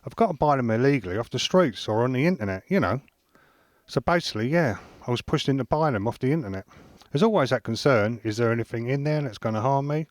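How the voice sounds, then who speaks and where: A man's voice: medium pitch, lively intonation, quick pace, dry recording, studio quality. Man with a disguised voice. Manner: loose, conversational, trailing fillers. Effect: electronically disguised voice. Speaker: anonymous interviewee. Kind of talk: casual interview answers.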